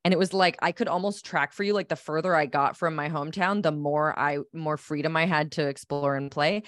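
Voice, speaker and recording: A woman's voice: low-pitched, fairly quick, a bit bright, no echo, clean studio sound. A speaker with a woman's voice from upstate New York, thinking aloud in a casual podcast chat with many "like"s.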